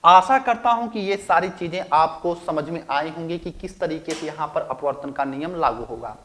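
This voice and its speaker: A man's voice: fairly high pitch, normal speed, a bit bright, a little hiss or hum. A male physics teacher giving a recorded lecture, asking rhetorical questions, answering them himself and repeating key phrases.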